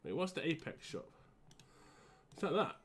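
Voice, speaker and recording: Man, game streamer, wheezy and congested, fairly high sharp voice, casual halting delivery. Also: big pitch swings, a little hiss or hum. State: congested with a cold, wheezy, short of breath. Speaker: live streamer. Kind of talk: casual gaming stream chat.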